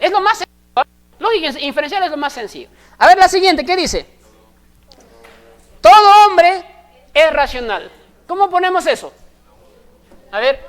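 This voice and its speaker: Woman teaching, constantly checking in. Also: sits high. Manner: explains step by step, constantly checking in with short questions. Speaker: math teacher. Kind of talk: recorded class lecture.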